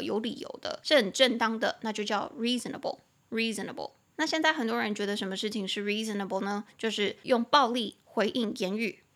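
A woman's voice: a little high, fairly bright tone. Chatty woman teaching English in Taiwanese Mandarin. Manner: spells words out slowly letter by letter; chatty, opinionated asides. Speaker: English teacher and podcast host. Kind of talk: bilingual podcast lesson.

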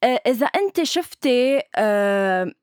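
A Lebanese woman with a slightly high voice hosts a podcast, pausing on fillers as she sets up her questions. The sound is dry and close. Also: very animated, clear, resonant tone, no room sound. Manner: hesitant, many fillers. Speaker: podcast host. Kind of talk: casual interview talk.

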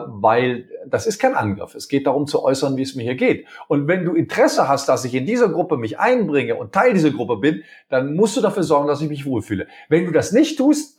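Animated man acting out dialogue. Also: mid-range voice. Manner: animated, acts out quoted dialogue in different voices. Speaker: interview guest, communication speaker. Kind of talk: conversational interview.

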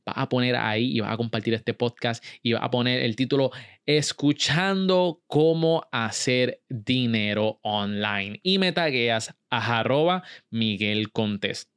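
Male podcast host, direct and hyped, mid-pitched, dry booth with soft music under. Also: normal speed, hardly any pauses, clean tone, dry recording. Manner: direct, pushy, addresses listener as tú, mixes English words. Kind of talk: energetic motivational podcast talk.

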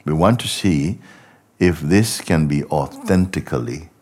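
A man giving a contemplative spiritual talk as a teacher, speaking slowly and reflectively, posing many rhetorical questions and often trailing off softly. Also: extremely low pitch, animated.

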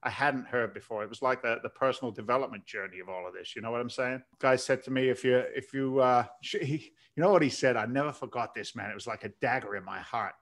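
Middle-aged London-born man, podcast guest, mid pitch, talks loosely and folksy. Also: quick pace, hardly any pauses, a bit bright. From London, England. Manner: chatty and folksy, calls the host "man" and "my friend". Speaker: podcast guest, real estate investor. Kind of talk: casual interview talk.

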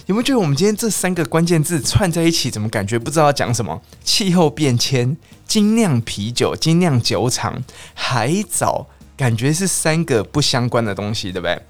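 A man with a Taiwanese Mandarin accent hosting a bilingual English lesson podcast, who repeats words and slows down to drill pronunciation. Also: mid-range voice, very animated, soft background music. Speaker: English teacher and podcast host.

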